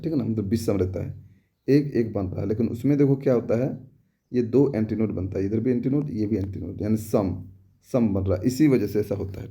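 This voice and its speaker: This young adult man's voice is lowish, creaky and dark as he runs an exam-prep lesson. He repeats himself casually, reaches for homely examples, and regularly asks rhetorically if the students have got it.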